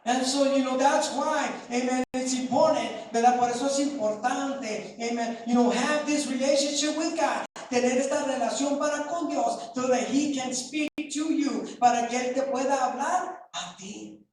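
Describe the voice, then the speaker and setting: A pastor delivers a bilingual sermon at an unhurried pace, translating each phrase from English into Spanish in turn. The voice rings through a very echoey church hall, picked up from a distance with a faint hum of room noise behind it. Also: high voice, a little mellow. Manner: slow, deliberate preaching with emphatic repetition. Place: church sanctuary.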